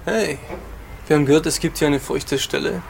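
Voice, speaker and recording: A quick, smug, gravelly craftsman. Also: on the high side, background noise. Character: cheeky male craftsman with innuendo. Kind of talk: ad acting.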